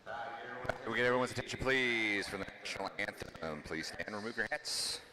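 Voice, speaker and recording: A man working as a race announcer, making casual, joking calls over a PA loudspeaker at an outdoor race track. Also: medium pitch, moderate pace, a crowd in the background.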